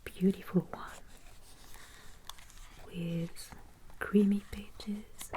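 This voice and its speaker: A woman playing a gentle, courteous fantasy travel agency assistant in a breathy, soothing whispered role-play. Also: medium pitch, fairly even intonation. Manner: slow, soothing, gently attentive. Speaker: ASMR performer.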